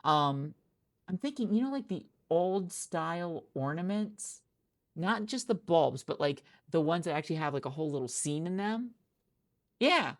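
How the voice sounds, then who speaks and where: This soft-spoken ASMR roleplay features a woman as a hiring manager, recorded in a friend's office, talking in a chatty, rambling way with many restarts. Her voice is lowish and expressive at a normal speed.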